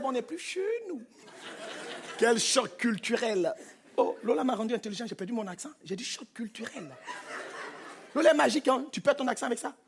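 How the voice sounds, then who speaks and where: A male stand-up comedian performing an animated, playful set, bantering with the crowd and slipping into mock accents. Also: very high voice, gravelly. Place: large theater stage before a live audience. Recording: live concert recording with crowd noise. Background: audience laughter and noise.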